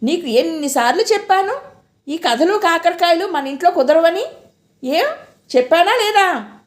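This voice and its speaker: A woman voicing a harsh, authoritative man of the house who scolds loudly in an audio story. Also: very high-pitched, expressive, measured pace, pitched above the performer's own voice. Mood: angry. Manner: thundering, reproachful.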